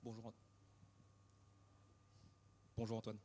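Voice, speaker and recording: A man's voice: fairly low pitch, completely flat delivery, slow pace, mellow. A man working as a journalist, putting questions to a player at a press conference. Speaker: radio journalist asking a question. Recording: reverberant press room.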